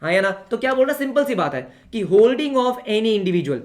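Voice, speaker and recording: A man's voice: high-pitched, big pitch swings, normal speed. A young man teaching a live online commerce class in Hinglish, who keeps asking the students rhetorical questions and calls them beta. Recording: echoey room.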